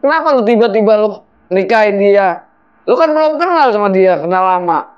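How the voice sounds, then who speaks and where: A man's voice: sits high, expressive, moderate pace, clean tone, highs cut off. A man playing an angry middle-aged father confronting his son-in-law in a film. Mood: furious. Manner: scolding, insistent, confrontational. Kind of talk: low-budget film acting.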